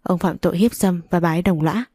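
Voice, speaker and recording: A woman reading a first-person love story aloud in a slow, measured way. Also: lowish voice, a little mellow, husky, no room sound, clean studio sound. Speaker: narrator.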